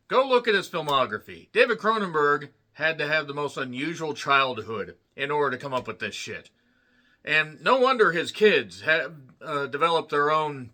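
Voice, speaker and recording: Male reviewer, thirties, bright and sharp, loose jokey delivery full of wordplay. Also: on the high side. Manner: jokey, rambling asides with wordplay and self-mockery. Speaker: film reviewer. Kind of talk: casual solo movie review.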